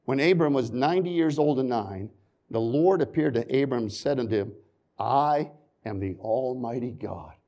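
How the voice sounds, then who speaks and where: Speaking at normal speed in a mid-range voice, a male preacher swings between loud emphasis and soft asides. He reads scripture in antiquated phrasing and tosses folksy comments to the congregation, though the audio sounds dull.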